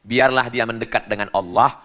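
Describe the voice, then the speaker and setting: A man from Indonesia preaching a lively sermon to a congregation, jumping up in pitch for emphasis and jokes. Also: brisk. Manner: animated, jumps high in pitch for emphasis and jokes.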